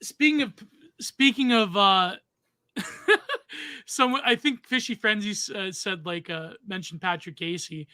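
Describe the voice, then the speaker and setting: Young man co-host, laid-back and giggly, high and piercingly bright. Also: measured pace, clean tone. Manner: laid-back, laughing often, trailing off. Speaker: podcast co-host. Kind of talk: casual chat.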